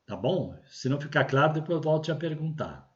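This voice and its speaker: A man's voice: fairly high pitch, very animated, normal speed. A man with a Brazilian Portuguese accent, a bishop giving an unscripted religious teaching, explaining carefully and often checking in with tag questions. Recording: dull lo-fi recording.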